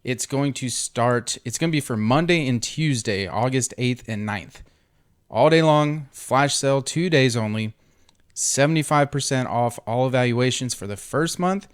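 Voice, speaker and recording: Clear-voiced man making a casual giveaway announcement. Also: medium pitch, normal speed. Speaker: host of an online trading group.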